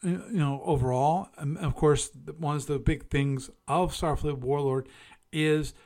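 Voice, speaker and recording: A man's voice: fairly high pitch, steady tone, a little slow, darkish tone. A man hosting a casual solo show, musing aloud and correcting himself as he reviews and chats. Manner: musing, self-correcting, chatty. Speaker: podcast host.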